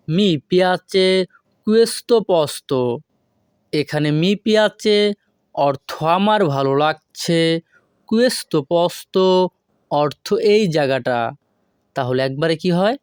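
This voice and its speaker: A man giving a scripted language lesson, saying example phrases slowly and repeating them piece by piece. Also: on the high side, clean tone, no room sound, studio quality. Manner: slow, syllable-by-syllable repetition of example phrases. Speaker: language teacher.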